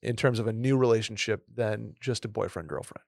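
A man co-hosting a casual advice podcast, talking in a relaxed, agreeable way. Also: on the low side, brisk, vocal fry, no echo, studio quality. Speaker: podcast co-host.

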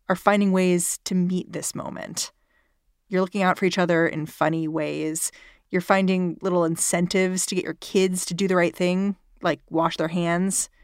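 Woman, podcast host, slightly low pitch, conversational scripted delivery, dry closet recording. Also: no echo. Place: small closet at home.

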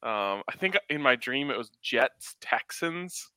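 A man's voice: mid-range voice, lively intonation, measured pace, bright, forceful tone, clean tone, no echo, clean studio sound. A man hosting a sports podcast, chatting casually and jokingly about betting.

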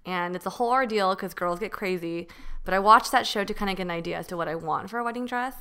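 A woman's voice: medium pitch, fast, sharp tone, clear, resonant tone. A woman co-hosting a podcast in casual, conversational chat. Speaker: podcast co-host.

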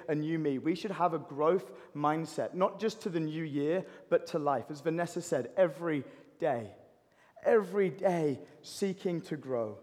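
A man preaching a sermon, animated and building to impassioned pleading. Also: fairly high pitch. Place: church hall. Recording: long hall reverb.

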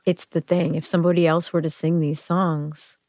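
A woman with a lowish, gravelly-edged voice hosts a casual interview. She is effusive and encouraging as she reacts. The sound is dry. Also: level tone, moderate pace, a little mellow, no echo.

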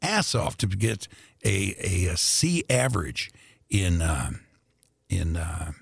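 An older man who was born in Greece and grew up in Indianapolis tells stories as a radio guest in a relaxed, drawling way, with many fillers and frequent laughter. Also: low voice, slow pace, vocal fry, breathy edge, no echo. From born in Greece, raised in Indianapolis. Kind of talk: casual interview storytelling.

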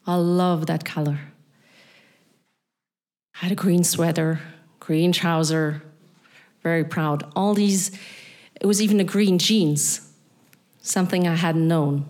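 Slow, deliberate woman with a German accent. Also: lowish voice, a little mellow. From East Berlin, Germany. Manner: slow, deliberate, addressing listener directly. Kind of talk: spoken word monologue.

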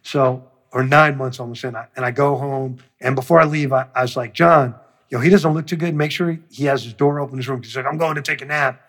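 A man in an interview with a husky, slightly raspy voice, spinning a long anecdote. He talks loosely and profanely, and he jumps into the voices of the people in his story as he goes. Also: mid-range voice, brisk. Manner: profane, animated storyteller who acts out quotes. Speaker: music producer.

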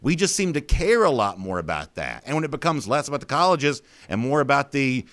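A man hosting a sports talk program, laying out his opinions in a relaxed, conversational way. His voice sits at an ordinary middle pitch, and he thinks aloud with plenty of "you know" fillers. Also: brisk.

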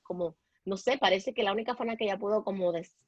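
Woman, Puerto Rican Spanish accent, husky, dull, dry sound, halting storytelling with English words. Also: mid-range voice, no room sound. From Dominican Republic, raised in Puerto Rico. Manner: halting, many restarts, slips into English words. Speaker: guest. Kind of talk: personal storytelling in a podcast interview.

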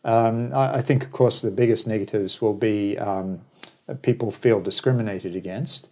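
A New Zealand man who later lived in Australia, a travel business operator, gives conversational commentary as an interview guest, discursive and opinionated, with wry anecdotes. His voice is lowish and darkish in tone, at a moderate pace.

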